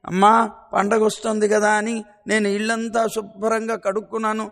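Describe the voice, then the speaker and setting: A man's voice: high-pitched, monotone, normal speed, creaky, fairly bright tone. A man voicing an exasperated village woman who pleads and complains about a naughty boy, inside his devotional storytelling. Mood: complaining. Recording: long hall reverb.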